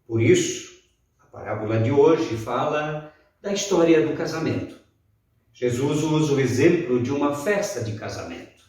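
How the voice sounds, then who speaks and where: A man preaching a sermon as pastor in a slow, deliberate way with pauses, recorded in a church. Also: medium pitch, lively intonation, darkish tone. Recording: very echoey room, voice far from mic.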